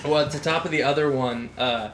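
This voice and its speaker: A man's voice: mid-range voice, brisk, a loud crowd. A man from the American Midwest with a Midwestern accent, co-hosting a podcast in a playful, jokey casual chat and laughing often. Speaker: podcast co-host.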